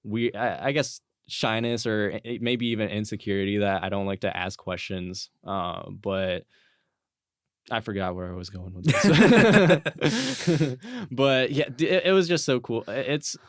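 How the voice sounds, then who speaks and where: A man's voice: lowish voice, a little slow, dry recording, studio quality. A young man hosting a podcast in a casual chat, rambling and restarting his sentences a lot. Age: young adult. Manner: rambling, stammering restarts, frequent "like". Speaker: podcast host.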